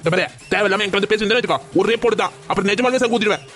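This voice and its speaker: A man's voice: high voice, rapid-fire, fairly bright tone, soft background music. A man voicing a firm, exasperated young man in a cartoon family drama. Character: angry, protective young man.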